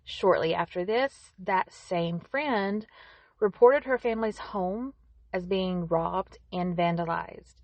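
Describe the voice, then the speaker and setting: A woman's voice: lowish voice, slow, no room sound. A woman hosting a true-crime podcast, narrating a scripted story with conversational asides to the listener.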